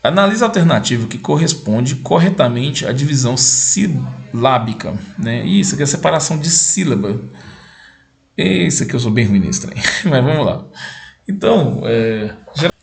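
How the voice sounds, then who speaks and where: A man's voice: mid-range voice, very animated, moderate pace, gravelly. A man, casually walking through exam questions, reading them aloud and checking each answer as he goes. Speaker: exam-prep video host.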